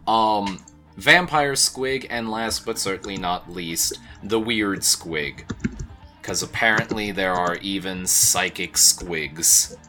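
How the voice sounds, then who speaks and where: Man co-hosting a podcast, swearing, joking, bright tense tone, low voice, faint music behind. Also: slow. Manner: loose, swearing, laughing. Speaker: podcast co-host. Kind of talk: casual podcast chat. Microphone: own mic, recorded separately.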